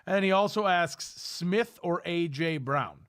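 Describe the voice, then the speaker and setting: A man's voice: sits high, measured pace, a bit bright. Joking man hosting a fantasy football show. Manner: joking, reads out listener questions. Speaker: podcast host. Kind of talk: casual sports chat.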